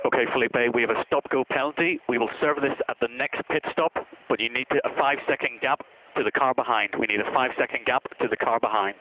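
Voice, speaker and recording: A man speaks as a race engineer over race car radio. He gives short, repeated instructions at a quick pace, and the transmission sounds slightly dull. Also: mid-range voice. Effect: team radio transmission.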